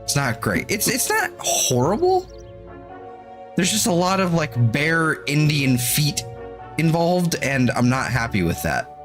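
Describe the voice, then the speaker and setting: A man's voice: on the high side, animated, unhurried, fairly bright tone, faint music behind. A man chatting casually while playing an online game with friends, rambling and restarting his sentences. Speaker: co-player on a gaming stream. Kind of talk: casual gaming chat.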